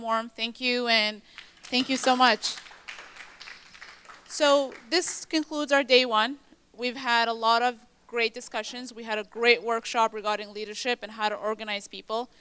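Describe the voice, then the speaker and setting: Bright, crisp-voiced woman moderator. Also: a little high, steady tone, dry recording. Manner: upbeat and brisk announcing. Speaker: conference moderator. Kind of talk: closing remarks at a conference.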